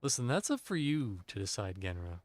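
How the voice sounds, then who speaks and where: A man's voice: lowish voice, very animated, fairly quick, no room sound. A man streaming an online game with friends, chatting casually in a playful, jokey, self-teasing way into a desk microphone. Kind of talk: casual gaming chat.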